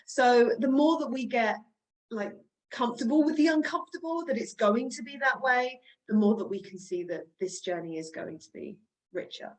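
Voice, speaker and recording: A woman wellness coach teaching in conversation, speaking in a reflective, measured way. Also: a little high, low-quality recording.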